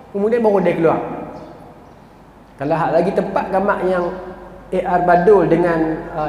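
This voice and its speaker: Malay guy with a northern accent telling religious stories to a crowd, really echoey hall, long reverb. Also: high-pitched. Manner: animated storyteller, acts out quoted voices, addresses audience directly. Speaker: religious lecturer. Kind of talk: storytelling religious lecture.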